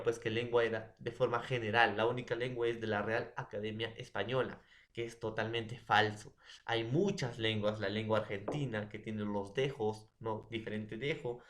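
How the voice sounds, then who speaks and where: A Peruvian-accented man giving a classroom lecture, walking through examples and checking in with his students. His voice sits at an ordinary middle pitch. It rings a little in an echoey room. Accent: Peruvian Spanish. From Peru. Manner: explains with many examples, checks in often with the class. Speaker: teacher.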